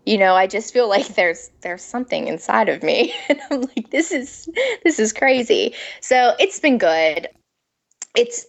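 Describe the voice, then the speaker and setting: Woman, pregnant, interview guest, chatty, giggly, animated pitch. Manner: chatty, giggly, lots of filler "like". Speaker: guest, food blogger. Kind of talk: casual interview chat.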